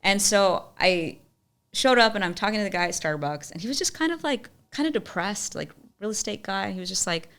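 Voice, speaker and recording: A young woman telling a personal story as a podcast guest, animated and chatty, leaning on "like" a lot. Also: mid-range voice, a little fast, smooth. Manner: animated storyteller, often says "like". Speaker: podcast guest, musician and entrepreneur. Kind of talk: storytelling in casual interview.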